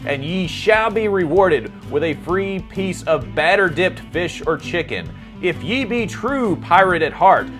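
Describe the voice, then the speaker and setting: Man putting on a booming hammy pirate. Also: fairly bright tone. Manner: drawn-out, booming pirate talk. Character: hammy swaggering male pirate announcer.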